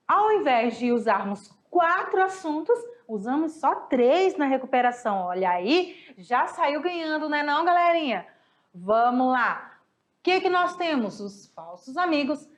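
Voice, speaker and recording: With a high, sing-song voice and a measured pace, this woman from Brazil teaches Spanish in a recorded review lesson. She walks her students through each step with paired examples, speaking warmly and chattily and addressing them as "galera."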